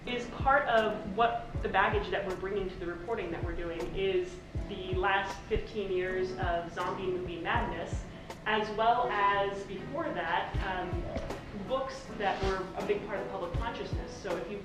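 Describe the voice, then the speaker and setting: Female American presenter, rushed informal lightning talk, medium pitch, very reverberant and distant sound. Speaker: speaker giving a lightning talk. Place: echoey presentation room. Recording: echoey hall, distant pickup, music flagged behind.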